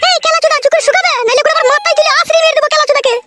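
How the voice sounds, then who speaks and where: Cartoon: a woman doing a very high, shrill, domineering wife, quick and threatening, music behind. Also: steady tone, background noise. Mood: scolding. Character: bossy fierce young wife, threatening her husband.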